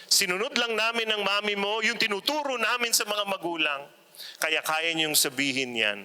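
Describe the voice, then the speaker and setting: A man's voice: high-pitched, normal speed, clean tone. A middle-aged man giving a humorous parenting talk to a large audience as a retreat speaker, telling stories animatedly and acting out the people he quotes. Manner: animated storyteller, acts out quoted voices, playful asides. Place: large indoor arena.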